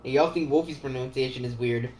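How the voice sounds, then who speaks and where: A man co-hosting a gaming league recap, chatty and quick to stammer and laugh. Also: mid-range voice, a little mellow, roomy sound, slight background noise. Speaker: league co-host and player. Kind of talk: casual recap commentary.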